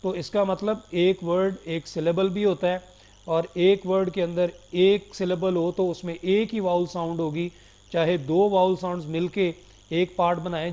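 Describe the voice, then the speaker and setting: A man lecturing on phonetics in Hindi-Urdu mixed with English terms. He reads English definitions slowly and checks in often with his students. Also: high voice, dark tone. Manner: checks in often with "theek ho gaya". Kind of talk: recorded lecture.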